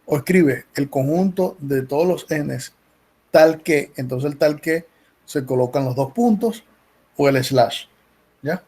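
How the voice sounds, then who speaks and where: Patient man explaining math at a higher pitch. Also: slow, a little mellow, breathy edge. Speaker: math professor. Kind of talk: online class explanation. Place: video call meeting.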